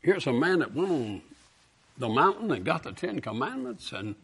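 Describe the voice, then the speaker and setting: Impassioned preacher. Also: male voice, fairly high pitch, very animated, moderate pace, husky. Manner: swings from hushed storytelling to loud impassioned peaks. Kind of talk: sermon.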